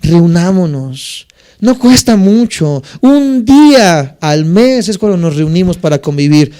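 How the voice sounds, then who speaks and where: A man's voice: high-pitched, sing-song, takes it slowly, dark tone, clear, resonant tone. A male pastor, preaching a sermon and asking the congregation rhetorical questions between homely anecdotes.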